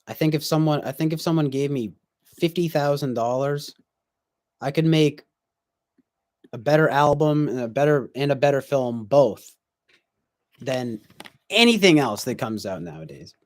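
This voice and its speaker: Pausing often, a livestream host in his twenties speaks at a moderate pace in a mid-range voice with no room sound. He chats casually and reflectively, reading viewer comments aloud and rambling with many fillers and restarts.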